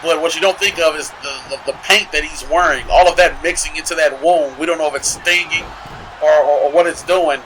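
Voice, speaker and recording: A man's voice: a little high, steady tone, brisk, a bit bright, a little hiss or hum, low-quality recording. A man giving color commentary on a wrestling match, analysing the strategy and the injuries as the action plays out. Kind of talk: live sports commentary.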